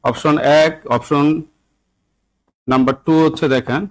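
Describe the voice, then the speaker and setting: Teaching English spelling to a live online class, a young Bangladeshi man preparing students for job exams repeats himself, coaxes them along, and keeps making sure everyone is following. His voice is medium-pitched with fairly even intonation and an unhurried pace, and the audio is poor.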